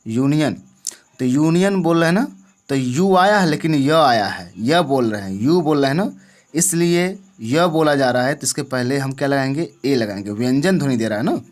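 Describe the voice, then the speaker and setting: With a medium-pitched voice and lively intonation, a man delivers an English grammar lesson at normal speed. It's classroom-style, and he keeps asking the viewer questions to confirm they understand.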